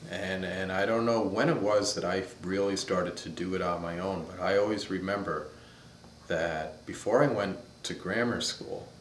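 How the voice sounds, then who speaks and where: Deep-voiced man in his fifties reminiscing. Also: normal speed, a little hiss or hum. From upstate New York, USA. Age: 50s. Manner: thoughtful, storytelling, searches for words. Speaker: interviewee. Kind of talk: reminiscing interview. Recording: echoey room.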